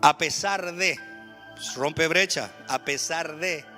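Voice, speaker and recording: Salvadoran male pastor, high-pitched and sharp-toned, lively sermon voice mixing exhortation and humor. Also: slow, faint music behind. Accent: Salvadoran Spanish. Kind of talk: church sermon. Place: church sanctuary.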